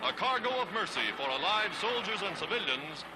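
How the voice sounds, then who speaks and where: An American man narrates a 1940s newsreel from a script in an emphatic, dramatic, declamatory style. His voice is high-pitched, expressive and brisk, buried under heavy background noise and loud music on the old soundtrack.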